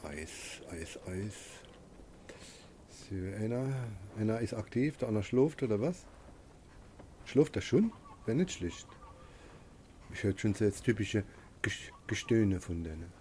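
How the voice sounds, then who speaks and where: A man's voice: fairly low pitch, very animated, unhurried, long pauses, warm tone. An older man commenting on his video game play, muttering to himself and often swearing and exclaiming. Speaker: gamer. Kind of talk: live gameplay commentary. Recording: noisy home recording.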